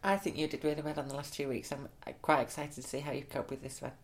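A man's voice: on the high side, little pitch movement, fast. A man co-hosting a podcast in casual chat, reading news stories aloud with amused asides. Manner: reads articles out, amused and chatty. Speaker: podcast co-host.

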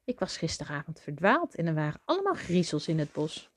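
A woman voicing a small, timid young male mouse in a children's storybook, with a squeaky, anxious voice. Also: big pitch swings, moderate pace, vocal fry, a little mellow, heavily acted. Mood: sleepy.

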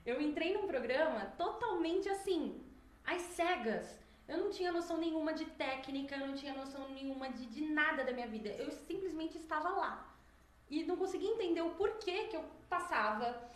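A young adult woman, a singer guesting on a podcast, telling stories in a lively, animated way with quoted voices. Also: sits high, a little fast. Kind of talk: casual storytelling chat. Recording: roomy echo, faint noise.

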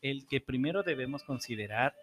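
A man, a psychologist guest, explaining things in a calm, measured way on a podcast. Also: medium pitch, soft background music.

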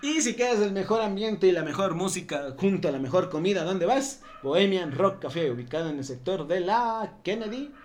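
A man's voice: sits high, animated, normal speed, hardly any pauses, slight background noise. A man with an Ecuadorian accent hosting a casual podcast, telling stories with slang and frequent laughter. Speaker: podcast host.

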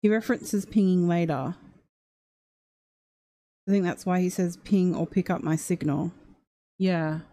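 A woman talks her way through a puzzle, hesitant and searching for the right words. Her voice sits a little low and sounds mellow and dark. The sound is dry and close, with no room echo. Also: unhurried, long pauses. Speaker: streamer transcribing a recording. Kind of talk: casual thinking aloud.

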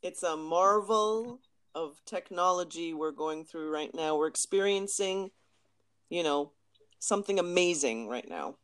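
A woman with a somewhat low voice co-hosts a relaxed conversation. She talks eagerly and warmly about cooking, often restarting her sentences as she goes. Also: a little slow. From Lebanese family. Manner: chatty, enthusiastic about food, frequent restarts. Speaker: podcast co-host. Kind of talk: casual chat.

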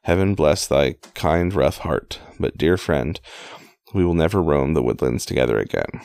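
Dying gentle outlaw, read by a man in a very deep, creaky voice. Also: animated, normal speed, no echo, exaggerated voice. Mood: tender. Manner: plain read-aloud delivery, stumbles on old wording.

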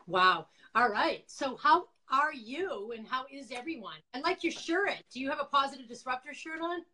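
A woman's voice: sits high, animated, moderate pace, bright, forceful tone. A talkative middle-aged woman with a Boston accent, chatting casually as an interview guest and telling her own story. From Quincy, Massachusetts, USA. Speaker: interview guest, former nonprofit founder. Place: indoors, on a video call.

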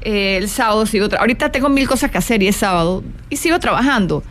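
A woman's voice: mid-range voice, fast talker. A middle-aged woman hosting a live stream, chatting casually, asking rhetorical questions, repeating words and reading viewers' comments aloud. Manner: animated, rhetorical questions and repetitions; greets viewers and reads their comments aloud. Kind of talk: casual live chat reflecting on happiness.

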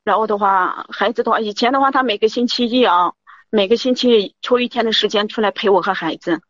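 Fast-talking woman caller, dull dry audio. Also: medium pitch, fairly bright tone, no room sound. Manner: rambling, keeps repeating "I said". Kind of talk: confiding call-in account.

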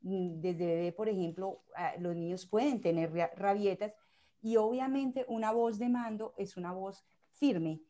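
Mellow-voiced woman host, measured and explanatory. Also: medium pitch. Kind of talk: casual expert discussion.

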